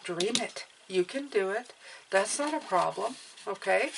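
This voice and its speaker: A tarot reader gives a casual reading, sounding stuffed up and nasal as she encourages the listener and often checks in with "okay?". Her medium-pitched voice is animated with vocal fry at a measured pace. The recording is very noisy.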